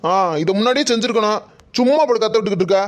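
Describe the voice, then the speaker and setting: A man's voice: high-pitched, racing, natural voice. Man playing a brash, bossy officer. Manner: bossy, scolding. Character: pushy investigating officer, brash and impatient.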